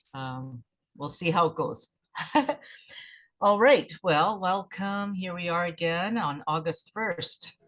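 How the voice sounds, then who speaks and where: A woman hosting a relaxed online gathering, chatty and quick to laugh, heard over a video call. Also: deep voice. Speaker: host. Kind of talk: casual group chat. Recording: dull video-call audio.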